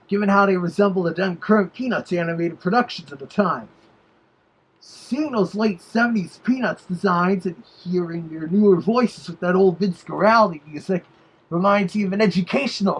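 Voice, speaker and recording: A performer plays an opinionated cartoon wolf giving review commentary. The voice is rough and husky at a middling pitch, and the delivery is wry and picky about details. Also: poor audio. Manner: nitpicking, wry asides. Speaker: reviewer, host. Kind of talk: review commentary over a played tape.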